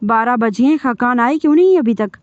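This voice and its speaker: A woman voicing a hurt, defiant young bride who shouts in anguish, in a dull, dry recording. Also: on the high side, animated, dry recording, close to an everyday voice. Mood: worried.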